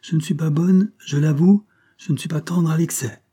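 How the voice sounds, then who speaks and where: Casting: a man voicing a cheeky, flirtatious courtesan, raised pitch, husky dark tone, theatrical audiobook reading. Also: fairly even intonation. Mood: teasing, brash. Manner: teasing, theatrical, quick-tempered.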